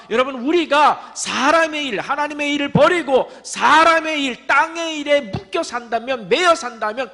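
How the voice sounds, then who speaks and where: A male pastor preaching a sermon, moving between booming quoted lines and quiet, close asides. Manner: dramatic, shifts from booming quotes to hushed asides. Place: church sanctuary. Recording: long church reverb.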